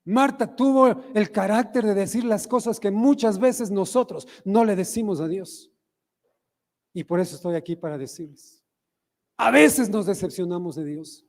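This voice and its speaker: A man's voice: sits high, moderate pace, darkish tone, long reverb tail. A male pastor with an Ecuadorian accent, preaching a sermon in church and putting questions to the congregation. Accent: Ecuadorian Spanish. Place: church sanctuary.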